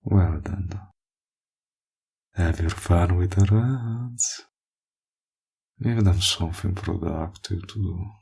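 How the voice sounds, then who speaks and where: Here a man acts out a flirtatious, menacing villain, smug and possessive, for an audio roleplay told as an intimate monologue. The voice is low, slightly mellow, husky and breathy, pitched in an exaggerated way, and his slow, teasing lines slip down toward whispers.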